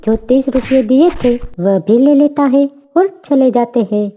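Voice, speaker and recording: Woman, narrator, storybook narration, steady, high pitch. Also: a little slow.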